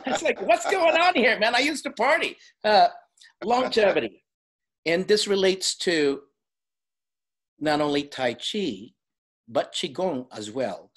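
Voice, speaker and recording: A woman's voice: mid-range voice, big pitch swings, measured pace, long pauses. A woman in her fifties hosting a vlog interview, chatty and self-deprecating, laughing often as she asks questions. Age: 50s. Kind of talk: casual interview chat.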